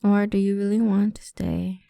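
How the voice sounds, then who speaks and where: Her voice mid-range and dark with little pitch movement, a woman lightly acts a cruel, condescending boss toying with an employee in an ASMR roleplay. She is stern and menacing, drawing out her words deliberately and slipping into breathy whispers close to a dry mic with no room sound.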